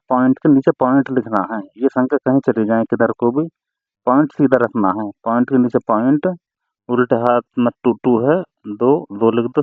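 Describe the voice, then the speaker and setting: A man teaching decimal arithmetic step by step, in a slow, patient explaining manner. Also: medium pitch, no echo. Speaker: math teacher. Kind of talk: chalkboard math lesson. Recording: dry, tinny phone-like sound.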